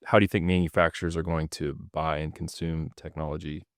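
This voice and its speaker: A man hosting a casual interview, relaxed, asking open questions and laughing easily. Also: a bass voice, brisk, no room sound, studio quality.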